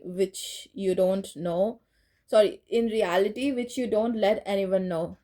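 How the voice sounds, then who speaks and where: A woman's voice: medium pitch, warm tone. A woman giving a casual tarot reading, rambling and correcting herself as she goes, and laughing at her own slips. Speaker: tarot reader.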